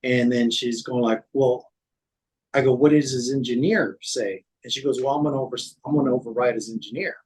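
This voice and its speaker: Halting man recounting work events. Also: medium pitch, steady tone, a little mellow, slightly rough, low-quality recording. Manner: halting, many restarts and fillers, quotes others in dialogue. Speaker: former city code manager.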